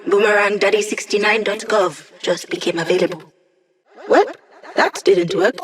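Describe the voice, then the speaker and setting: Hack, a wry young hologram hacker played by an actress. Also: female voice, mid-range voice, fairly even intonation, normal speed, lightly acted. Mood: animated, wry. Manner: wry, teasing, casual tech-geek banter. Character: young digital hacker woman, a wry, playful incorporeal hologram. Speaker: hacker support character guiding a squad. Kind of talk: video game character voice lines.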